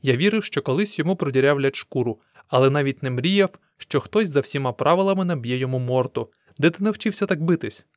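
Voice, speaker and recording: A man's voice: a little high, lively intonation, a little fast, dry recording, clean studio sound, natural voice. A man voicing an old male prospector in a storybook, speaking in a raised, emphatic way. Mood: excited. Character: old male prospector, excitable and loud-spoken.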